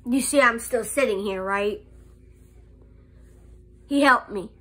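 Still nasal from a cold and coughing slightly, a young vlogger speaks slowly into a phone camera held close for a casual life update. She hesitates often, with lots of ums and restarts. Her tone is a little high, bright and forceful.

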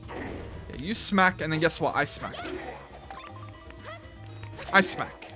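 Video game streamer, very animated pitch, mid-range voice, sweary self-talk, exclamatory, faint music behind. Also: takes it slowly. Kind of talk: gaming commentary, casual and reactive.

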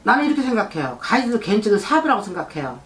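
In an indoor shrine office, a middle-aged woman shaman gives a fortune-telling client blunt advice, scolds her, and keeps asking if she's understood. Her mid-range voice races along with big swings in pitch, over slight background noise.

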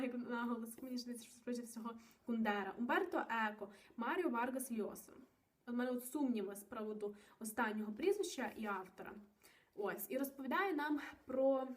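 A woman vlogging a casual book review, chatty and rambling, with many fillers and self-corrections, a little nervous. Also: a little high. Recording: voice a bit distant from the mic.

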